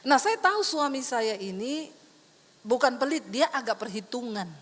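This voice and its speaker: High-voiced middle-aged lady pastor, teasing lively sermon, big church hall echo. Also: normal speed, background noise. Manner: animated, teasing, acts out quoted people. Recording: long hall reverb.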